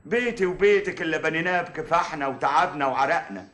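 An actor with an Egyptian accent playing a flustered middle-aged doctor in a stage comedy, rushed and exasperated. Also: male voice, a little high, a bit bright, echoey room, close to an everyday voice. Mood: pleading. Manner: rushed, exasperated, then pleading.

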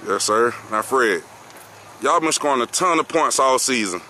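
A man's voice: medium pitch, animated, moderate pace, pushed and bright, slight background noise. A man interviewing a football coach and players outdoors, formal and saying "yes, sir" after each answer. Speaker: sports interviewer. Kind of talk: postgame interview questions. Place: outdoor football field at night.

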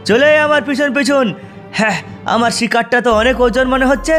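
A man's voice: extremely high pitch, brisk, fairly bright tone, faint music behind, pitched above the performer's own voice. A man voicing a goofy male zombie who fumbles a car in a game video. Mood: panicky. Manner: panicky, giggling. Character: goofy male zombie, a clumsy first-time driver.

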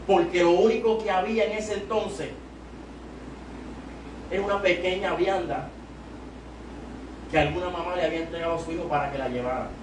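A young man from Puerto Rico, an evangelist with a Puerto Rican Spanish accent, preaches a rousing sermon at a youth service, mic in hand at a small church pulpit. His high-pitched voice moves at normal speed with long pauses, rising to loud, emphatic peaks. A faraway camera records the noisy, echoing room.

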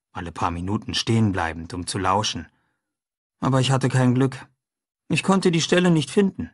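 Male narrator, husky voice, dry close sound, steady first-person storytelling. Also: on the low side, no room sound. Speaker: audiobook narrator.

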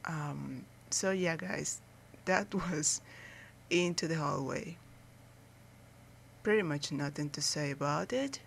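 A woman hosting a let's play, giving low-key, understated gaming commentary. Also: takes it slowly, gravelly, long pauses, a little hiss or hum.

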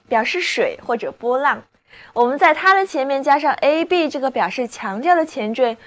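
Chinese-speaking lady teaching english words, kinda high voice, spells stuff out slow and clear. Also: a bit bright. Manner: clear, measured, slows down to spell and model English sentences. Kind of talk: scripted radio-style lesson narration.

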